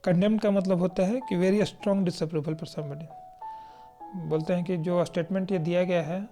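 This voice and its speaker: A teacher from India gives an exam-prep vocabulary lesson. They explain each word patiently, read definitions aloud slowly and keep checking in with the class. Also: mid-range voice, steady tone, mellow, soft background music. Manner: explanatory, checks in often with "right?".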